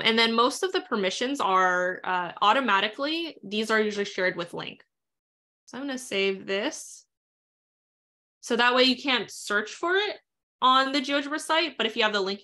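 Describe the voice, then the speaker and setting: A woman walks viewers through a software tutorial in a live webinar. Her voice is bright and forward, and she talks quickly in a casual, chatty way, filling pauses with ums and uhs. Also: mid-range voice, lively intonation. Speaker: instructor leading a live webinar.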